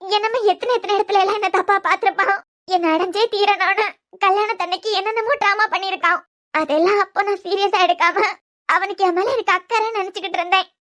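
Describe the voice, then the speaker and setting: Woman voicing a cartoon young wife, Kanyakumari accent, squeaky very high voice, snappy bickering. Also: steady tone, quick pace. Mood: banter. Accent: Kanyakumari Tamil. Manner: sharp, bickering retorts. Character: young wife, hurt but quick-witted. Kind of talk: cartoon web series dialogue.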